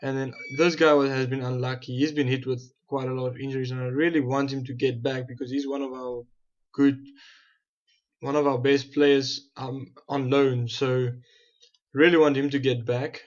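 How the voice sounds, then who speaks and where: On a lo-fi recording, a young South African gaming host plays his football management game, chatting casually and thinking aloud with plenty of restarts and self-corrections. His medium-pitched voice is flat and moderately paced.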